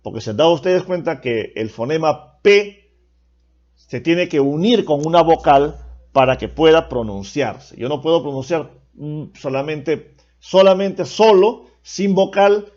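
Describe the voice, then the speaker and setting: A man's voice: on the high side, animated, a little slow, a little mellow. A man teaching a class in a patient, explanatory way, often asking questions and adding a checking "¿no?" after his points. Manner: explanatory, asks rhetorical questions with tag "¿no?". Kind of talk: classroom lecture. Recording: dull lo-fi recording.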